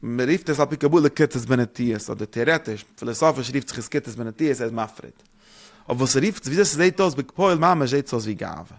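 Fast-talking man teaching a religious lesson. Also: medium pitch, lively intonation. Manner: fast and rambling, with rhetorical questions.

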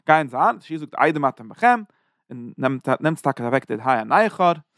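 A man teaching a text chapter in quick, run-on explanations full of Hebrew terms, rising animatedly when he retells dialogue. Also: on the high side, very animated, fairly bright tone, no room sound, studio quality. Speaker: Torah teacher. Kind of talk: chapter lesson in Yiddish-flavored German.

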